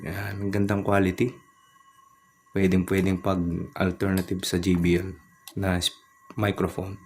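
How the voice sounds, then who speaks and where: A man giving a casual product review, calmly explaining features step by step in a polite way. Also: low voice, a little slow, vocal fry, slight background noise.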